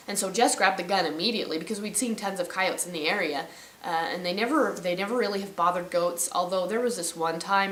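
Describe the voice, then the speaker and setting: Bright-voiced rambling ranch woman. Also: mid-range voice, reverberant. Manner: rambling, self-correcting storyteller. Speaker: ranch vlogger. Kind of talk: casual storytelling to camera. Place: outdoors on a ranch.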